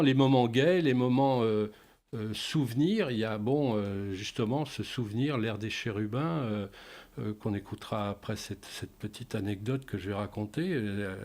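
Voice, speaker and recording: A man with a fairly low voice recounts anecdotes as a radio guest. He speaks haltingly, filling his sentences with pauses and hesitations. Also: darkish tone. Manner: hesitant, many pauses and fillers. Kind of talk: radio interview, telling anecdotes.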